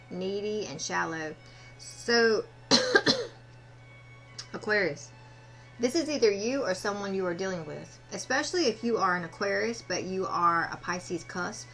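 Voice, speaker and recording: A woman's voice: medium pitch, expressive, a bit bright, faint music behind, poor audio. Conversational woman fortune teller reading cards. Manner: halting, conversational, addressing the listener directly. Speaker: fortune teller, tarot and oracle card reader.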